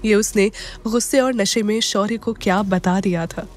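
A woman narrating a romantic audio drama in a dramatic, expressive way. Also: medium pitch, moderate pace, soft background music. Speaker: storyteller.

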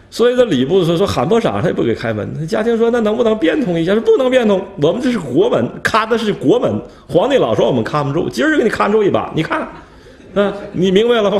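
A man's voice: a little high, darkish tone. A male history professor gives a storytelling lecture, posing rhetorical questions and chuckling at his anecdotes. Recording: roomy lecture hall echo.

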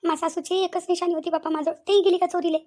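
Woman as a fussy, whiny cartoon village aunt, high and rapid. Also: steady tone, close to an everyday voice. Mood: wailing. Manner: fast, wailing, whiny complaining. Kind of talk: cartoon comedy voice acting.

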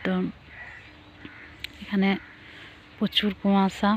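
A woman talking softly and chattily into her phone outdoors in the cold early morning, sounding chilled. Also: mid-range voice, completely flat delivery, slow pace. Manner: soft, hushed, chatty. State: cold and shivering. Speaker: village vlogger. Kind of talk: casual vlog walkthrough. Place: outdoors in foggy fields at dawn. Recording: faint outdoor noise.

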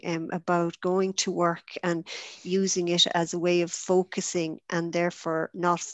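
Woman hosting an online panel, lowish voice, calm and thoughtful, dry sound. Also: dry recording. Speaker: moderator. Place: home, video call.

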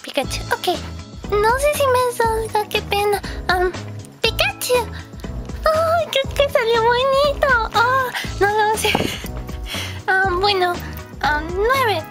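A young woman fandubber doing a cute voice meme, talking in an exaggerated high, giggly and bashful way. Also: takes it slowly. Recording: music playing loudly underneath.

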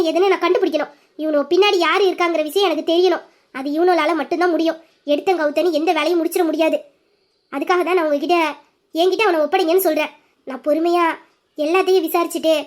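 A woman voicing a calm protective police sister. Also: very high voice, fast talker. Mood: firm reassurance. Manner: steady, reassuring, firm. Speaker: police officer. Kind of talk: Tamil audio drama acting.

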